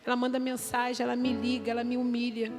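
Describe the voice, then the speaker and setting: A woman's voice: fairly high pitch, completely flat delivery, fast. A Brazilian woman, a pastor's wife, tells her church testimony in an emotional, intense way, with music playing behind her. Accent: Brazilian Portuguese. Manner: emotional, intense storytelling with acted quotes. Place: church hall. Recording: reverberant hall with music behind.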